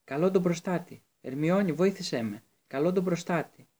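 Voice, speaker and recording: A man reading an audiobook, voicing a brave teenage boy wizard who shouts urgently in danger. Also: high-pitched, sing-song, pitched above the performer's own voice. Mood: urgent shouting.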